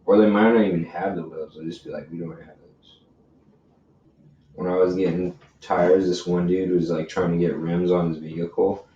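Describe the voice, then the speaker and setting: A young man talks loosely and profanely on a podcast in a very deep voice. He sounds set back from the mic in an echoey room, and the recording is muffled with a faint hiss underneath. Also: steady tone, fairly quick, dark tone. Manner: laid-back, swears a lot, slangy. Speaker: podcast co-host. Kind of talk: casual chat. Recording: roomy, distant, dull lo-fi mic with faint hiss.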